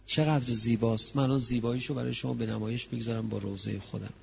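A man delivers a religious sermon with a rough, gravelly edge to his voice. He speaks with passion, dropping to soft, confiding tones and then climbing into high, loud, chanted lament. A faint hiss of noise sits behind him. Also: steady tone. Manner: impassioned, shifts from soft intimate talk to high loud wailing. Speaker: preacher reciting a mourning recitation.

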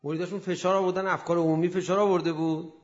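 A man preaching a storytelling sermon, acting out the people in it and swinging from hushed asides to loud emphasis. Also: high-pitched. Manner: animated, acts out quoted speakers. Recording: echoey dull lo-fi room sound.

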